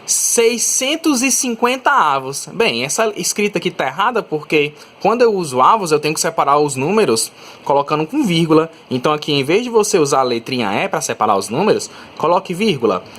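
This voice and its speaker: A man's voice: a little high, expressive, quick pace, a bit bright. A male teacher with a Brazilian Portuguese accent, giving a recorded math lesson and often checking in with students. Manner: explanatory, checks in with "tá?" and "né?", stretches out examples.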